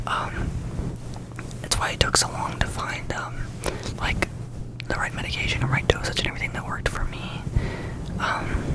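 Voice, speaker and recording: A young adult ASMR creator whispering breathily into a close microphone, chatting casually in a rambling, informal way with repeated words and phrases. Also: low-quality recording. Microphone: close ASMR microphone with fluffy cover.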